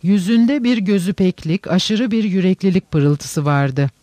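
A man narrating a novel in a steady, even storytelling manner. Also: sits high, measured pace, no echo, clean studio sound. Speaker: audiobook narrator. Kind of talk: scripted literary narration.

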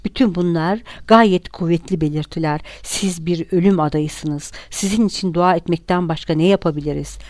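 A woman's voice: lowish voice, normal speed, hardly any pauses, no room sound, clean studio sound, natural voice. A woman reading the lines of a young man who mockingly and relentlessly taunts his enemy. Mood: taunting. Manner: mocking, relentless, eerily calm. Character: young male refugee, coldly taunting and vengeful.

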